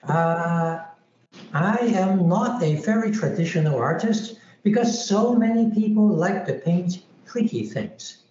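A man's voice: sits high, expressive, slow, darkish tone, roomy sound. Man over a muffled Skype call. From Hong Kong. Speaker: guest artist. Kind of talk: interview answers.

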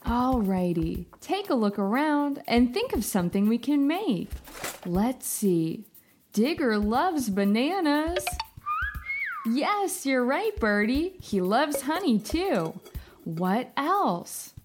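A woman hosts a children's story show in a high, widely swooping voice. She talks slowly and encouragingly to young listeners while music plays under her. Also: very animated. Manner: bright, sing-song and encouraging. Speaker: children's podcast host. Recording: with music behind. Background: background music.

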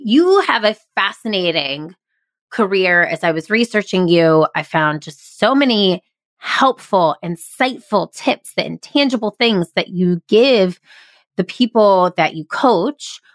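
A woman's voice: mid-range voice, lively intonation, a little slow, no room sound. Woman podcast host, eager and affirming, close dry sound. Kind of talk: casual interview chat.

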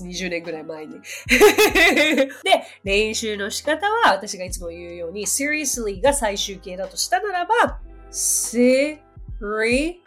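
A woman's voice: mid-range voice, a bit bright. A woman hosting a podcast English lesson, chatty and friendly, with laughs between her explanations.

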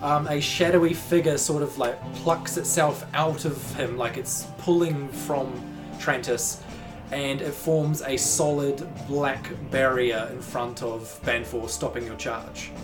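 Game master narrating over soft music. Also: mid-range voice, steady tone, unhurried. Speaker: game master and podcast host. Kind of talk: narrating a tabletop role-playing game. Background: background music.

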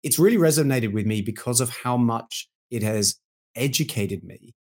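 A man's voice: medium pitch, expressive, normal speed. Wordy male podcast co-host. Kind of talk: podcast conversation.

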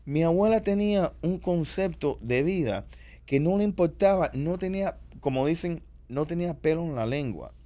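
A man, telling family stories in a casual chat and jumping into high voices to act out the people in them. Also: moderate pace. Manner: animated, acts out voices with sudden high pitch.

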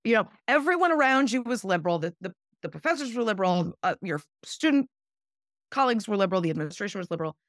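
A guest commentator, this woman is very animated and fast-talking as she indignantly and emphatically makes her case in a casual political conversation, using swear words for emphasis. Her pitch varies widely. The sound is close and dry, with no room sound.

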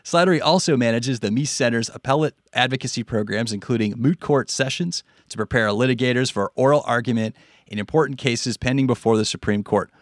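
A man's voice: mid-range voice, brisk, no echo, clean studio sound. A man with an American accent hosting a podcast from a script. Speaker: stand-in podcast host.

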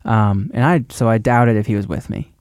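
A man's voice: lowish voice, moderate pace, darkish tone, dry recording. Man, podcast host, earnest, casual, dry close sound. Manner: earnest, laughs easily. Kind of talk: casual chat.

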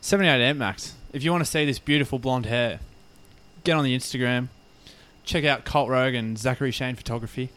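Australian male co-host, medium pitch, rambling, sweary, joking chat. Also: fairly quick, fairly bright tone. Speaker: podcast co-host. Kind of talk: casual bantering chat.

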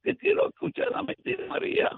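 A man calling in to a radio show from a hospital bed, heard over a phone line, talking loudly and excitedly. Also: very high-pitched, quick pace, gravelly, no echo. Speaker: radio call-in listener.

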